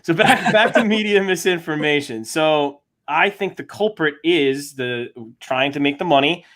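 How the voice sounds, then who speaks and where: A man co-hosting a casual podcast chat, animated and joking. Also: fairly high pitch, a little slow. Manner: animated, joking, puts on silly voices. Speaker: podcast co-host.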